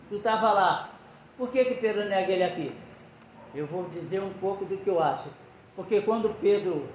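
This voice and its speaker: Guy preaching casually in a church, high voice, roomy echo and a bit of hiss. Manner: conversational preaching that retells scripture with acted-out quotes. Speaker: lay preacher. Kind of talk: sermon. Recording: roomy echo, faint background noise.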